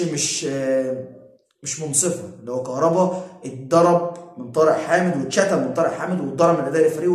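Man, Egyptian accent, rapid-fire argumentative talk, echoey room. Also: high voice. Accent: Egyptian Arabic. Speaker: football commentator and channel host. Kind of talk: casual opinion vlog.

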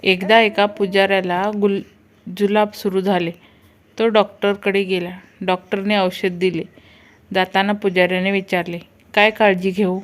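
A woman's voice: medium pitch, flat delivery, moderate pace. A woman reading out a string of short jokes, acting out each character's line in turn. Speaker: joke reader. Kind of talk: reading Marathi jokes aloud.

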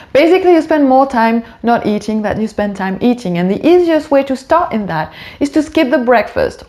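A woman's voice: medium pitch, a little mellow. A woman hosting a wellness video, giving casual, direct advice straight to the viewer. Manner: friendly, direct, addresses the viewer. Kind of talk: casual instructional monologue.

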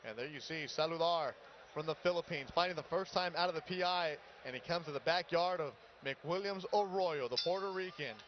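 A man's voice: a little high, brisk. A man calling a boxing match as the play-by-play commentator on a live sports broadcast. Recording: dull broadcast audio, arena noise behind.

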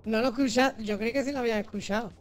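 A woman's voice: on the high side, steady tone, racing. A woman with a Spain accent chatting casually as she streams a video game, slangy, joking and foul-mouthed. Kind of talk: casual gaming livestream chat. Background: video game music.

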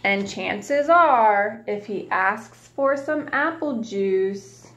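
A young woman with a medium-pitched voice and lively intonation reads a picture book aloud for small children. She asks questions and pauses warmly, preschool-teacher style. The webcam, at arm's length in a small room at home, leaves a little hiss or hum.

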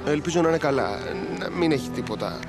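A troubled teenage boy speaks in a quiet, sullen way. Music plays clearly underneath. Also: animated. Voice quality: sullen, low-spirited. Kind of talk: dubbed TV drama.

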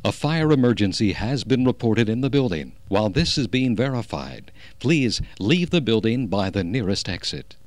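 A man reads a calm, formal, prerecorded fire evacuation announcement, played through a fire alarm loudspeaker as if over an intercom. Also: lowish voice, normal speed, hardly any pauses. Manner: calm, formal, clearly enunciated.

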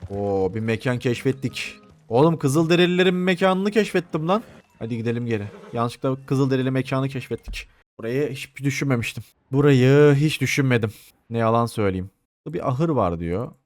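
A man's voice: mid-range voice, lively intonation, a little fast, faint music behind. A man giving casual gameplay commentary, chatty and joking, swearing playfully and talking back to game characters. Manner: soothing coos to a horse. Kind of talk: casual Let's Play commentary.

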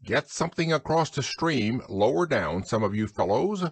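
A man's voice: medium pitch, sing-song, normal speed, husky, no room sound. A man voicing a bossy, self-assured male rabbit who acts like a know-it-all in a storybook. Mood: urgent.

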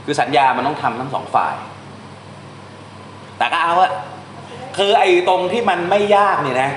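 A male translation teacher giving an informal classroom lesson, talking through examples step by step and reading English lines slowly. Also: fairly high pitch, expressive, a bit bright, roomy sound, slight background noise.

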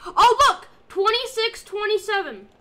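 A woman's voice: very high-pitched, heavy background noise. A woman gaming with a friend over a voice call, her voice coming through wobbly, glitching call audio as she shrieks in surprise. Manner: excitable, quick shrieks of surprise. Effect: wobbly, glitching online call audio. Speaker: gamer streaming a co-op game. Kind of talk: casual gaming chat. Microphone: online voice call.

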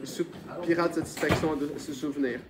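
A man reading a novel aloud as an audiobook narrator, in a steady, measured voice. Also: fairly high pitch. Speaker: audiobook reader. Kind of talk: scripted narration. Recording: noisy with clicks.

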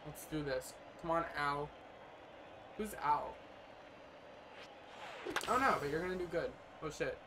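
Young male gamer, profane rambling commentary, sudden yells, fairly high voice, noisy home room audio. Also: a little slow, pauses often. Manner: profane, rambling, bursts into loud yelling. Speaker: gaming streamer. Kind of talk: casual gameplay commentary. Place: small room indoors.

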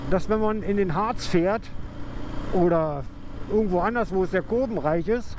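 A man's voice: high voice, moderate pace. A man with a German accent vlogging from his motorcycle on the way to a rider demo, talking in a rambling, casual way with many fillers and restarts. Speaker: motovlogger. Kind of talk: casual vlog monologue. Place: outdoors on a motorcycle ride. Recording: loud road and vehicle noise.

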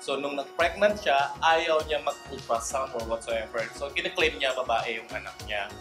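Chatty and playful, this Indonesian man in his thirties talks to camera at normal speed in a medium-pitched voice, mixing languages as he goes. He's in an indoor room with a wood-panelled wall; the sound is roomy and set over music.

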